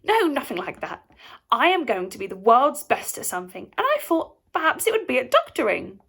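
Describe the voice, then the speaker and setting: A naive storybook boy with big dreams, as a woman reader puts him on. He speaks earnestly and brightly. The pitch is high and lively. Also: brisk, creaky, breathy edge, exaggerated voice. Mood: dreamy. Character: eager, naive young boy chasing greatness.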